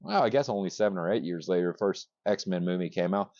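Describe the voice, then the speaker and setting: A man co-hosting a casual podcast, rambling excitedly with many restarts and casual swearing. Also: low-pitched, a little fast, dry recording, muffled recording. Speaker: podcast co-host. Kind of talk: casual chat.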